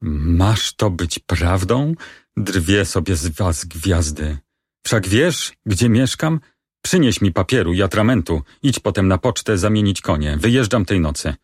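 A man reading the part of a young male lover in grim despair in a stage play, with slow, solemn delivery. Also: low voice, lively intonation, husky, dry recording, clean studio sound, exaggerated voice. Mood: shaken. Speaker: reader of a play.

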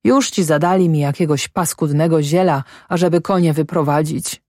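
A woman's voice: low-pitched, normal speed, darkish tone, no room sound, clean studio sound. A woman reading aloud, voicing a sick and bewildered male farmhand who pleads his innocence. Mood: pleading.

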